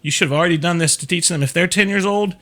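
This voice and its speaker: A middle-aged man with a bright, forward voice sitting a little high for a man. He hosts an advice show in a relaxed, chatty way, explaining step by step and checking in with his listeners. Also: very fast. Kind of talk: casual advice talk.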